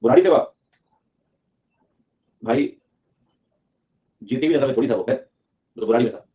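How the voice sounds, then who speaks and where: In a dull lo-fi recording, a young Delhi man teaches accounting with medium pitch and normal speed. The animated classroom lecture includes skits where he plays an auditor and a client in comic voices.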